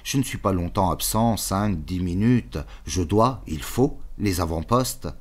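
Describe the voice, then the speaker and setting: A man's voice: deep voice, unhurried, a little mellow. A man voicing a cordial, self-important general who speaks with a rolling, sing-song foreign lilt and stiff formal courtesy. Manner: formal, ceremonious.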